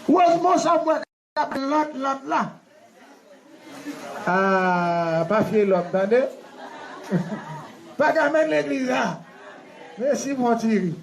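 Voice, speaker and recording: A high-voiced Haitian pastor preaches at a wedding, his pitch sitting well above most men's. He leads his congregation in call-and-response, quizzing them like a teacher and getting them to repeat lines back to him. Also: very animated, extremely slow, creaky, pauses often, some chatter behind, slight background noise, poor audio. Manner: laughing, teacherly questioning. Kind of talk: wedding sermon.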